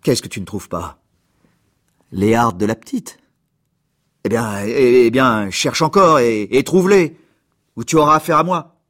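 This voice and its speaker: Man playing a stammering, tearful village mayor, husky and raw, storybook reading. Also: mid-range voice, animated, a little slow, long pauses, pitched above the performer's own voice. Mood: angry. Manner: stammering, sobbing, then shouting. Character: grieving, furious village mayor, middle-aged man.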